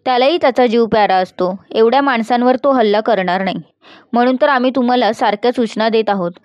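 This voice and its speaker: A calm, knowledgeable male forest guide in a storybook reading, voiced by a woman narrator. He explains steadily and firmly. The voice sits a little high and sounds dry and close. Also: fast, dry recording, muffled recording, natural voice. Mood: informative.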